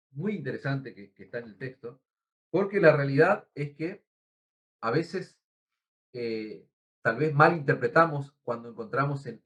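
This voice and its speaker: Argentine male pastor, mid-pitched, earnest teaching sermon. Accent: Argentine Spanish. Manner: earnest preaching that often addresses listeners as brother; teacherly, explains words and spells them out.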